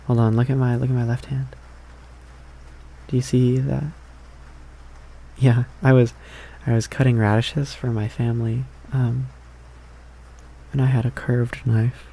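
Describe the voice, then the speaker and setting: A young man playing an affectionate, playful, slightly needy boyfriend in a soft, hesitant, rambling ASMR ASMR role-play. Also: mid-range voice, vocal fry. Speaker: ASMR performer.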